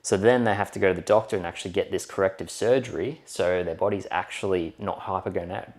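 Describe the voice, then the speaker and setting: A man's voice: deep voice, fairly even intonation, fast, darkish tone. A man talks through health topics on a casual podcast. He rambles a little, piling up fillers as he explains. His tone stays easygoing and conversational. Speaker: podcast co-host.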